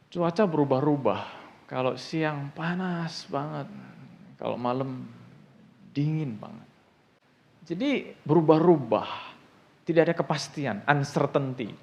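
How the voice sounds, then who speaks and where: A man with an Indonesian accent delivers a sermon, throwing rhetorical questions at his listeners. His voice sits a little high with a gravelly edge. The recording sounds dull and lo-fi. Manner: animated, rhetorical questions to the congregation. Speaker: preacher.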